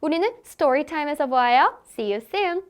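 A woman's voice: high voice, expressive, moderate pace, music in the background. A young woman teaching children English phonics in a cheerful, sing-song way, talking straight to the kids.

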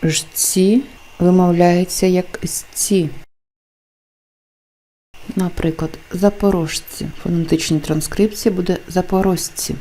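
A woman teacher explaining pronunciation rules in a deliberate lesson, carefully enunciating example words. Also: lowish voice, fairly even intonation, dark tone. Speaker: language teacher.

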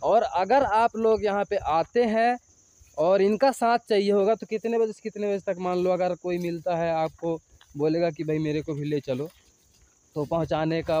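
A man in his thirties with a high voice and a dark tone chats to viewers as he hikes through a village and along a forest trail. He's a travel vlogger filming himself on a handheld phone held at arm's length, and there's no room sound in this outdoor vlog.

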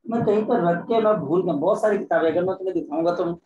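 A man's voice: high-pitched, fast talker, lo-fi sound. A man teaching a physics class online in a coaxing, repetitive way, often calling his students "kids". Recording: echoey room with faint ambient noise.

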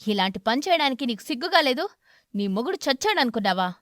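A hot-tempered crow husband in a cartoon story, loud and harsh as he scolds, with a woman narrator putting him on. The voice is dry and close. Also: fairly high pitch, a little fast, dry recording, natural voice.

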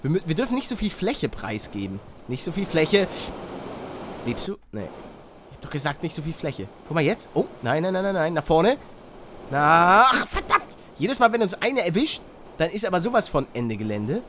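A young man doing excitable Let's Play commentary, yelping at failures and mixing in English slang. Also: high voice, normal speed, noisy background. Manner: excitable, shouts and yelps at failures; mixes English slang into his talk. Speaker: gaming YouTuber.

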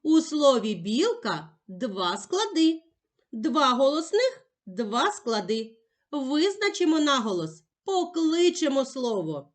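A woman teacher giving a slow, clearly articulated lesson for young children. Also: high voice.

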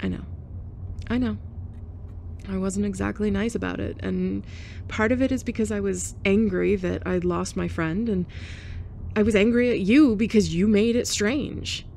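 A young woman performs an F4M ASMR roleplay as a blunt, sarcastic former bully, in a confessional mood. Her mid-range voice is gravelly and mellow at a moderate pace, and she sighs and scoffs as she talks. A little hiss or hum is audible.

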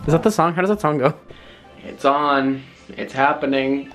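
A young man hosting a casual vlog, chatty and playful with quick asides. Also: fairly high pitch, a bit bright, soft background music. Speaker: vlogger host.

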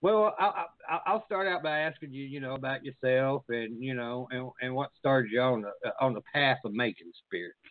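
A medium-pitched man runs a casual interview podcast at normal speed with few pauses, swearing freely, rambling, and tripping into restarts. His audio sounds tinny and phone-like, dry with no echo.

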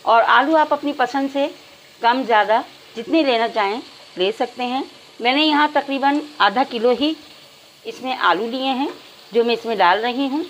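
Woman cooking host, fairly high voice, calm instructional home-kitchen narration, faint sizzle behind. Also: normal speed, slight background noise, rough recording. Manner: calm, instructional, addresses viewers directly. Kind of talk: step-by-step recipe narration.

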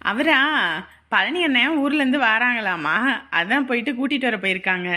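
A woman's voice: fairly high pitch, lively intonation, moderate pace, sharp tone. A woman playing a dutiful, polite daughter-in-law in a family drama. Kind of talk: dubbed family serial drama.

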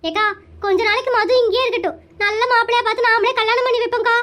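A performer voicing a bossy middle-aged village aunt in a comic cartoon, talking loudly and scolding. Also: very high-pitched, fairly even intonation, racing, voice pushed up. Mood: loud indignant. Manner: loud, scolding, boastful.

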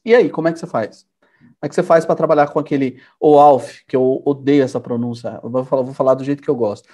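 A man's voice: medium pitch, fast. A man from Brazil hosting a live programming show, telling stories in a chatty, casual way. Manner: chatty storytelling with lively asides. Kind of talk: casual live-stream talk.

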